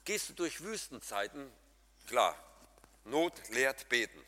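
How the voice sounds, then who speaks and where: Male preacher with a bright, forceful voice, lively and humorous with his congregation, swinging loud to soft, recorded in a hall with a long reverb. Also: mid-range voice, slow pace. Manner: swings between loud emphatic and soft quiet passages. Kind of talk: sermon.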